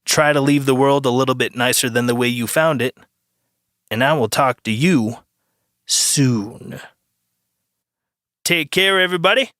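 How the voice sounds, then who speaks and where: A man's voice: medium pitch, steady tone, normal speed, fairly bright tone, no echo. A man hosting a solo podcast, rambling and opinionated with many fillers. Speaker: podcast host.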